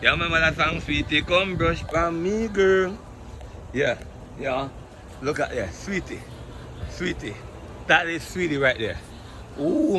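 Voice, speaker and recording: A man from Jamaica with a Jamaican accent, giving an excited walking-tour vlog outdoors among fruit trees. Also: a little high, noisy background. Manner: exclamatory, excited, keeps repeating "look at this". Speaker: vlogger.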